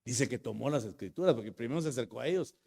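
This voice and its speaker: A middle-aged man preaches from the pulpit. His sermon drifts between soft, close storytelling and loud bursts of exclaimed praise. His voice sits at an ordinary male pitch. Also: expressive, racing, creaky. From Guatemala. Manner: swings from hushed storytelling to loud shouted praise. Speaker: pastor.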